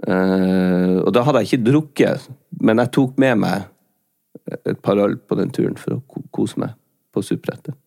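A man from Norway with a low, gravelly voice talks through a personal story in relaxed podcast chat. He stumbles and restarts often, circling back as he goes. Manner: halting and rambling, many restarts and fillers. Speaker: podcast co-host. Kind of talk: casual confessional chat.

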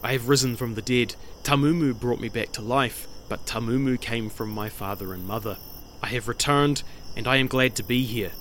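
A man voicing a proud young male hero who speaks low, hushed and firm, in a storybook retelling. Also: moderate pace, slight background noise, lightly acted.

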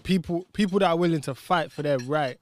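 Using street slang and a British roadman accent, this man argues emphatically in casual conversation, tacking on tag questions again and again. He speaks fairly quickly in a fairly high voice.

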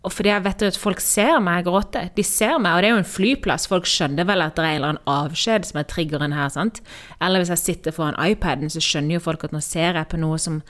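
A woman from Norway co-hosting a podcast, telling personal stories in a candid, animated way. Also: on the low side. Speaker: podcast co-host. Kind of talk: casual podcast conversation.

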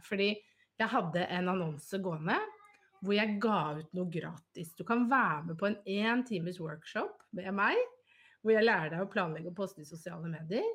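A woman's voice: fairly low pitch, a bit bright. A woman in casual podcast chat, telling stories and laughing often.

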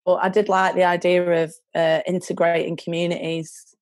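A woman's voice: lowish voice, flat delivery, normal speed, no echo. A young woman with a British accent, chatting casually as a podcast guest about her own experiences. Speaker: charity worker, podcast guest. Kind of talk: casual chat.

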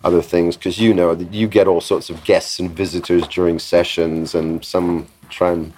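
A man, a recording engineer, telling lively studio stories in an interview, acting out quotes and laughing often. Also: sits low, moderate pace, slight background noise. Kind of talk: anecdotal interview chat.

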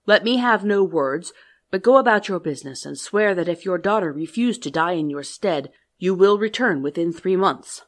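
A fearsome male beast, as a woman reads him, proud and blunt, with a stern and commanding delivery. His voice sits low for a woman's reading, hard and loud. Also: animated, moderate pace.

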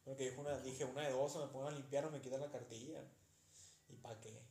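A man's voice: medium pitch, steady tone, mellow. Young man in slangy banter. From Mexico. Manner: slangy banter, quick asides. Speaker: podcast co-host. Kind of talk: casual chat. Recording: echoey room with faint noise.

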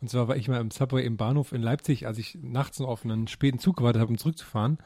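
A man co-hosting a podcast, telling animated anecdotes in casual chat. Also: medium pitch, rapid-fire, no room sound, clean studio sound. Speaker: podcast co-host.

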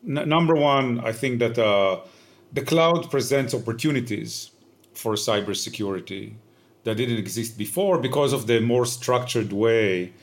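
A tech company founder in his fifties, speaking with an Israeli accent and a medium-pitched voice, appears as a guest answering interview questions. He explains things in a measured way and often pauses with "uh."

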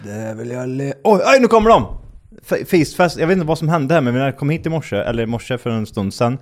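A man's voice: medium pitch, expressive, darkish tone. A man co-hosting a casual comedy podcast, teasing his friend and joking around. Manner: teasing, playful, counts in and interrupts. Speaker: podcast co-host.

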